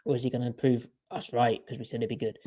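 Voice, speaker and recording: A mid-pitched man co-hosting a casual sports podcast. He rattles off rhetorical questions in a chatty, conversational flow. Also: level tone, fast talker, warm tone. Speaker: podcast co-host.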